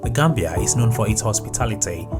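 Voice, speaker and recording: A mid-pitched narrator reads a scripted travel countdown in a smooth, even, promotional tone. Loud background music plays under every line. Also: quick pace. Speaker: video narrator.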